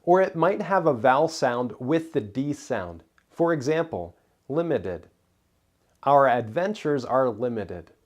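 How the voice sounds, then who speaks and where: A man teaching pronunciation in an unhurried, measured voice. He sounds out each word with deliberate care in a scripted instructional read. His pitch sits in an ordinary middle range. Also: lively intonation, highs cut off. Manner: careful, deliberate enunciation of single words.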